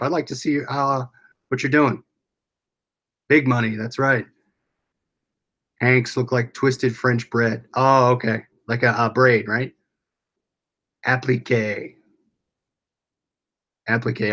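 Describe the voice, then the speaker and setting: A man's voice: mid-range voice, fairly bright tone. An American man hosting a casual livestream, rambling along as he reads and answers viewers' comments aloud. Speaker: livestream host.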